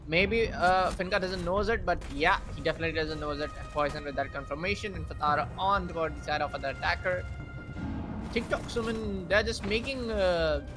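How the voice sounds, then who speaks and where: A man calling a live shooter-game match as play-by-play caster, excitable and quick, with lots of fillers and restarts. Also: sits high, music in the background. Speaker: esports caster.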